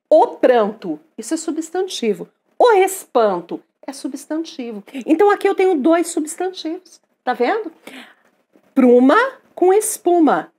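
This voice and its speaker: A Brazilian woman teaching a literature lesson, emphatic and lively, often checking in with her listeners and reading poems aloud. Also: sits high. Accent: Brazilian Portuguese.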